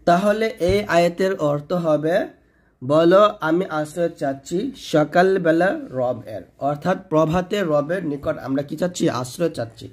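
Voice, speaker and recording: A Quran teacher with a Bangladeshi Bengali accent gives a word-by-word pronunciation lesson, his voice fairly high and his pace moderate. He breaks words into syllables one at a time, draws out the recited words, and asks the listener to repeat after him.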